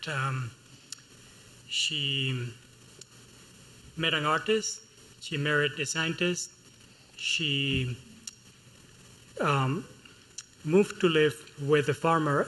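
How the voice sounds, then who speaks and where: A man from Cuba with a Cuban Spanish accent, a chef speaking on a panel at a public event. He talks in a thoughtful, measured way, with pauses. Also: on the high side, steady tone, pushed and bright, low-quality recording. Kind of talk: panel talk. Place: museum event hall.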